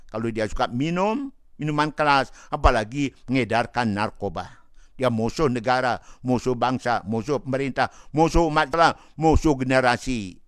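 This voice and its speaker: An Islamic preacher answers a listener with religious advice, retelling a story in a folksy, repetitive way full of rhetorical asides. His voice is medium-pitched, fairly bright and clean, recorded in a clean studio with no echo.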